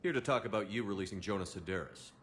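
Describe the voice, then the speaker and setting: An actor playing a steady, direct human military commander in a video game, matter-of-fact. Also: male voice, on the low side, quick pace, close to an everyday voice. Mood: firm. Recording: long reverb, faint ambient noise.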